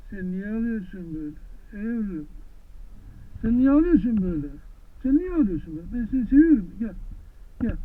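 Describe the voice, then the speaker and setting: A man talking gently to horses in an outdoor pasture, coaxing them with affectionate, repeated questions. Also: high-pitched. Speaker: vlogger visiting wild horses. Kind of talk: casual talk to animals. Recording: tinny lo-fi phone-like sound, faint noise.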